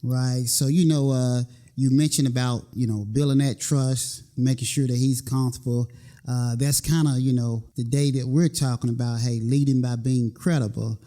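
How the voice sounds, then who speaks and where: A man from North Carolina with a slow Southern drawl, hosting a conversational interview as a military chief. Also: mid-range voice, fairly even intonation, mellow. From North Carolina, USA. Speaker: host, military command chief.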